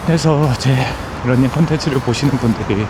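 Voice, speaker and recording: A man's voice: mid-range voice, a little fast, very noisy. A man talking to his viewers while running, in a casual vlog monologue broken into short phrases. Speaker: running content creator. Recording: music over outdoor recording. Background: music.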